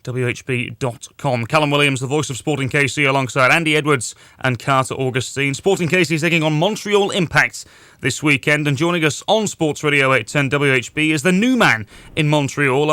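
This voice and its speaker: A man's voice: a little high, pushed and bright, dry recording. A man hosting a sports radio show, presenting segments and interviewing a guest. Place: dry radio studio.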